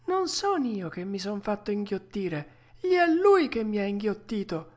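A woman voicing a frightened, whiny wooden puppet boy, reading a storybook aloud in a shrill, tearful manner. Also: very animated, unhurried, darkish tone. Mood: anxious.

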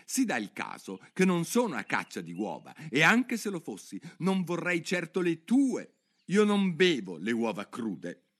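A man's voice: fairly high pitch, wildly swooping pitch, a little slow, a bit bright, pitched above the performer's own voice, exaggerated voice. A man voicing an earnest, indignant young girl in a storybook. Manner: indignant, protesting.

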